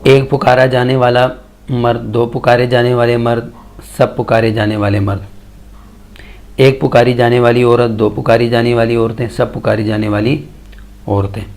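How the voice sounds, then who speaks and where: A man teaching Arabic verb conjugations in a slow, measured lesson, reciting tables one form after another. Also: mid-range voice, little pitch movement, vocal fry, a little mellow. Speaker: Quran and Arabic grammar teacher.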